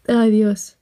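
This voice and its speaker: Her voice is mellow and a little high. She's a young Spanish livestream host with a Barcelona accent, chatting casually on her phone, reading comments, saying hello to viewers, and laughing a lot as she tells gossipy tales.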